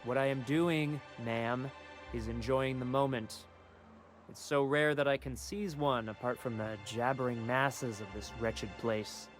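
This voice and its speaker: A man's voice: medium pitch, steady tone, a little slow, soft background music, natural voice. A man playing a jaded, nostalgic smoker in a video game, speaking in a pompous, wordy, world-weary way. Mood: haughty, irritated. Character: jaded, idle male smoker nostalgic for better days. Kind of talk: video game character dialogue.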